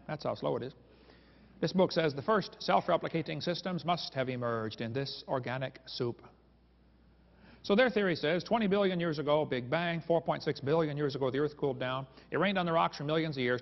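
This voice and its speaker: A man's voice: fairly high pitch, gravelly. A man giving a humorous lecture to a live audience, telling stories in a sarcastic, joking way and chuckling at his own lines. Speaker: creationist speaker. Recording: reverberant hall, dull lo-fi sound.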